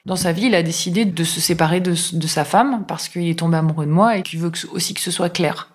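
A woman's voice: fairly low pitch, a little fast. A middle-aged woman telling a personal anecdote in a casual, chatty way, full of fillers and acted-out bits of dialogue. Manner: chatty, many fillers, acts out quoted dialogue. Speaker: storyteller recounting a personal anecdote.

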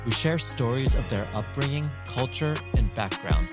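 A man's voice: mid-range voice, expressive, moderate pace, loud music behind the voice, rough recording. Podcast host man reading his intro. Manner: upbeat, reads a prepared intro. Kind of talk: scripted intro and casual interview.

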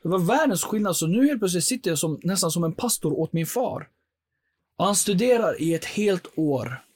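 A man tells his personal life story as a podcast guest, earnest and animated, his talk full of fillers. His voice is husky and raspy, sitting somewhat high for a man. The sound is close and dry, with no room around it. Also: no room sound.

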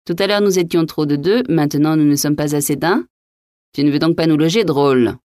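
A quick-tempered young nobleman bursts out in swearing, blustering lines, as a woman reads him. The voice sits low and dark, close and dry, like an audiobook recording. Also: no echo, lightly acted. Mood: indignant. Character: hot-tempered young male nobleman, quick to draw his sword. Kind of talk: audiobook reading.

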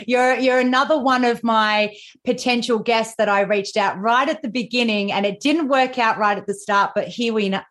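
A woman with an Australian accent hosts a podcast interview, her voice a little high and fairly bright. She's chatty and enthusiastic and often starts her sentences over.

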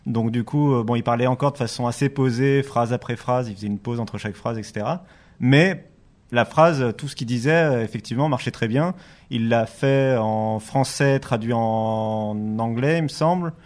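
A man's voice: medium pitch, normal speed, a little mellow. A man co-hosting a tech podcast, explaining loosely and restarting his sentences as he goes. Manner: loose, thinking aloud with restarts. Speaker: podcast co-host. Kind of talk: casual tech chat.

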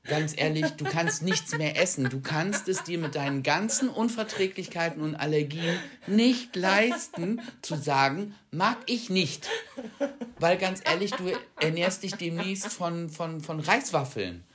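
Animated man telling stories. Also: on the high side, a little slow, slight background noise. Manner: animated storytelling, jumps between loud and quiet; self-deprecating. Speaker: podcast co-host. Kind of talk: casual chat.

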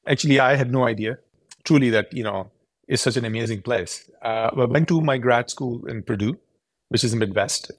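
A man's voice: mid-range voice, moderate pace, no echo. Give me an earnest man explaining. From Pakistan. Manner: earnest, explanatory, with frequent restarts. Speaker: tech company founder, guest. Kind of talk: podcast interview answers.

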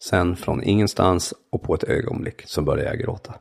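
Male memoir narrator, very low, gravelly, calm and measured. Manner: calm, measured storytelling in short sentences. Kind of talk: first-person memoir reading.

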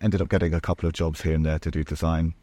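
A man with an English accent speaks in a very low, mellow voice. He is a chatty podcast guest who grew up in southern Spain. The recording is dry and close. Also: level tone, quick pace, dry recording. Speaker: guest, agency owner. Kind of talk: podcast interview.

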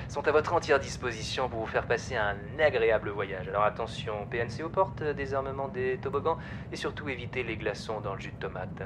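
A man playing an airline captain making a comic, deadpan cabin announcement. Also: lightly acted. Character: deadpan male airline captain addressing passengers. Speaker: mock airline captain in the show intro. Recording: loud engine rumble behind the voice.

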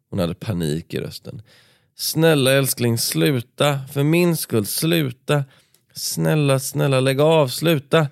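A man's voice: deep voice, a little mellow, no echo. A man co-hosting a podcast in a studio, chatting and reading a book passage aloud with dramatic pacing. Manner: storytelling, reads with dramatic pacing. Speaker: podcast co-host. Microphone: studio microphone.

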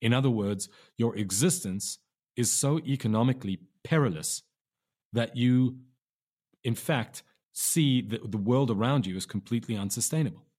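A man's voice: mid-range voice, normal speed, darkish tone, slightly rough. A man, a documentary filmmaker guest, making his points emphatically and repeating words for stress. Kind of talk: interview answer.

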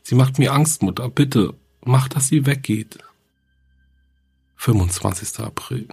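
A man reading as a lonely young girl who writes her diary to her dead mother, in a plain, quiet horror story reading. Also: on the low side, fairly even intonation, moderate pace, creaky, breathy edge. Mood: fearful.

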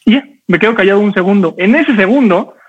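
A man coaching an audience on public speaking, talking fast and energetically with lots of rhetorical questions. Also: high-pitched, animated, husky, narrow, tinny audio.

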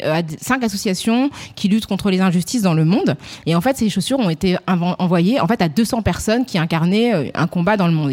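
A woman's voice: medium pitch, darkish tone. A woman co-hosting a casual commentary chat, talking animatedly with frequent fillers and restarts. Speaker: co-host.

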